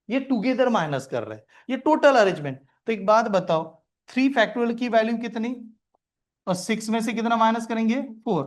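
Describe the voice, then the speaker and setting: A man with a high voice gives a math lesson. He asks his students questions, then answers them himself. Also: a little mellow. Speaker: math teacher. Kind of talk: classroom lecture.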